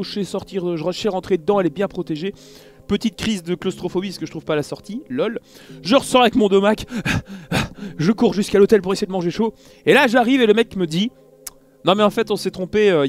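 Male vlogger, higher voice, chatty storyteller who plays out each exchange, faint music bed. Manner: animated, acts out dialogue, many fillers. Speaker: YouTuber recounting an event. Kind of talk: casual storytelling vlog.

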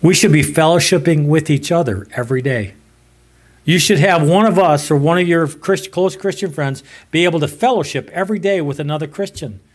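An older man preaching a sermon from a pulpit in a small church, emphatic and swinging from loud to soft. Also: a little high, a little fast. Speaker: pastor.

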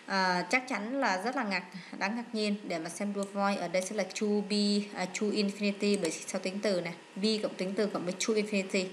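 A woman's voice: mid-range voice, fairly quick, few pauses, slight background noise. A woman English teacher going through exam answers step by step, reading English words aloud and explaining each choice, with frequent hesitant fillers and self-corrections. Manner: reads English words aloud then explains in short steps. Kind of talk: exam walkthrough lesson.

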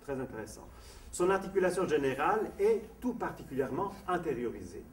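A man's voice: on the high side, sing-song, a little fast. A man from Sardinia giving an academic lecture on diction, explaining step by step and reading out definitions between asides. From Sardinia, Italy. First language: Sardinian and Italian. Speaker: voice and diction teacher. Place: lecture room at a summer school. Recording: echoey room from a distant mic, faint noise.

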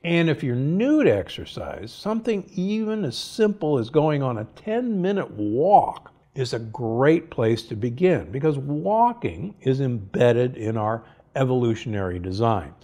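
A man's voice: mid-range voice, a little slow, hardly any pauses. An older man hosting a podcast, reading health advice from cue cards in a studio with a lapel mic. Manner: lively, upbeat, reads from cue cards. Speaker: podcast host and doctor. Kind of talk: scripted health advice monologue. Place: studio set with armchair and bookshelf.

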